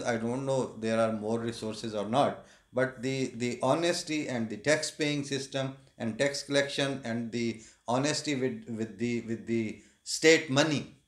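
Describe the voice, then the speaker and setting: Male host from Pakistan, mid-pitched, halting with fillers, roomy sound. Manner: hesitant, many fillers, laughs often. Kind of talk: conversational interview. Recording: echoey room.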